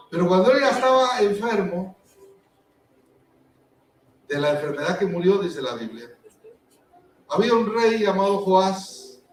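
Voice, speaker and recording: A man's voice: high-pitched, a little hiss or hum. A man preaching a sermon as pastor, acting out the scripture with dramatic emphasis. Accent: Latin American Spanish. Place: church hall. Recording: echoey church from a distance.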